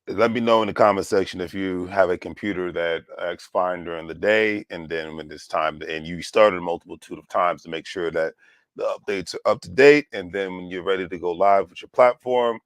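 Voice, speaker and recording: Vlog host, man around forty, very low voice, dry close recording, sarcastic and rambling. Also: a little fast, no echo. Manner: rambling, sarcastic, restarts sentences often. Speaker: channel host. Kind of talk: casual vlog commentary.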